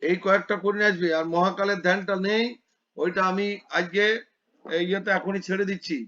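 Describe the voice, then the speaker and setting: High-voiced man teaching over a call. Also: level tone, brisk, highs cut off. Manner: gentle, corrective, repeats page numbers. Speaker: priestly studies teacher. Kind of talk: online class instruction.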